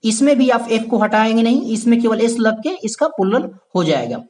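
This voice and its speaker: This male speaker's voice is high-pitched, animated and a little fast, with a darkish tone. He teaches a basic grammar lesson, going over key points again and checking in with listeners. He addresses them as "my dear friend".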